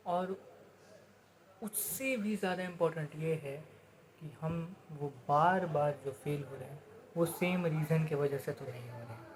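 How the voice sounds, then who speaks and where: A man giving a casual motivational talk. He explains with everyday examples and rhetorical questions, and switches into slower, deliberate English phrases. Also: on the high side. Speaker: motivational speaker.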